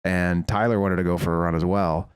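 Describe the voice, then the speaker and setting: A man's voice: low-pitched, a little fast, clear, resonant tone, no echo, studio quality. A man co-hosting a podcast, swearing freely as he tells anecdotes in casual chat. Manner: animated retelling, swears freely. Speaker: podcast co-host.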